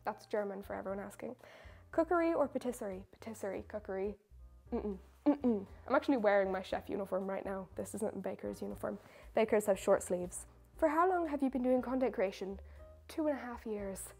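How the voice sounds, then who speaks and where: This young baker and video creator fields viewer questions casually, chatty and poking fun at herself. Her medium-pitched voice is brisk, creaky, husky and darkish in tone, with soft music playing behind her.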